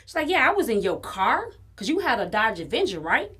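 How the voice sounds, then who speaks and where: Woman podcast co-host from Chicago, profane, animated storyteller, higher, bright voice. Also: brisk, slightly rough. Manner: animated, profane, acts out quoted dialogue. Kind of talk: casual storytelling chat.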